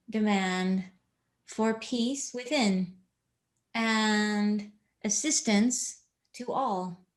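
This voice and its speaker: A woman channeling a spiritual message in a slow, measured, solemn way, speaking as a collective. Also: on the high side.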